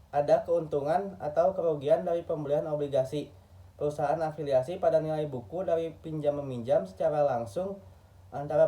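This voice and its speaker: Reading lecture narration from a script, this Indonesian man sounds a little high and mellow, adopting a formal textbook manner and occasionally tripping over words. A distant microphone leaves the recording muffled.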